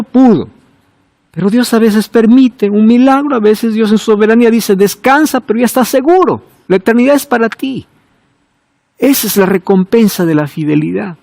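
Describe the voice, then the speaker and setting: A man preaching a sermon, asking rhetorical questions and swinging from loud emphasis to hushed low words. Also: gravelly, no echo.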